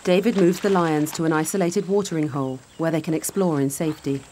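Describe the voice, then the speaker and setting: A woman reading scripted documentary narration in a measured, steady way. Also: low voice, background noise.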